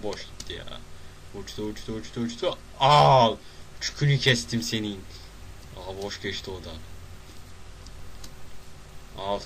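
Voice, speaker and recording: A young man doing casual gameplay commentary at his desk, loud and excitable, swearing and shouting at the screen. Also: lowish voice, brisk, a little hiss or hum, low-quality recording. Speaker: gameplay video host. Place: at home at a desk.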